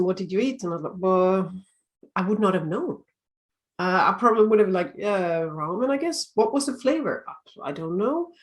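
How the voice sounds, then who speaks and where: Recorded close-miked, a time-management coach from Sweden shares everyday lifestyle advice in a video tip talk. She sounds middle-aged, with a mid-range voice and a noticeable Swedish accent, and her calm, measured delivery slows to emphasize key points.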